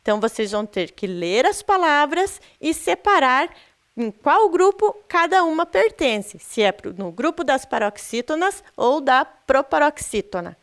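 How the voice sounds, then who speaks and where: A woman's voice: high voice, sing-song, a little slow. A Brazilian woman teaching a recorded lesson to sixth graders, patiently questioning the class and stressing syllables. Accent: Brazilian Portuguese.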